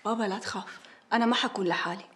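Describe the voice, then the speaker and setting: An actress as a fast-talking defiant widow. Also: female voice, mid-range voice, a bit bright, natural voice. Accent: Syrian Arabic. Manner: argumentative, defiant. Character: young widow, defiant and sharp-tongued.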